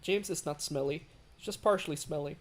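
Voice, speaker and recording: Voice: medium pitch, fairly quick. A livestreamer chatting casually while building a railway in a game, rambling with many fillers and greeting chat. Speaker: livestream host.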